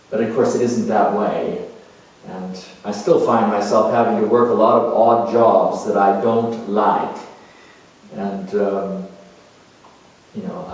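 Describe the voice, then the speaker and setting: Fairly low-pitched and sounding self-assured and musing, a New Zealand man plays a reflective, sensual, creative middle-aged sculptor on a spiritual quest. He speaks haltingly and expressively, with pauses, in a first-person monologue before a room. Slight background noise accompanies the distant, very echoey recording.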